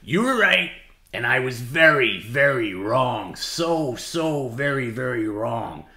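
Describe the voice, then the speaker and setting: A man's voice: mid-range voice, animated, slow, bright, forceful tone. A man hosting a livestream, reading out dramatically and repeating himself in an emphatic, goading way. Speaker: livestream host. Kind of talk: dramatic reading mixed with casual talk. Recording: roomy, echoey sound.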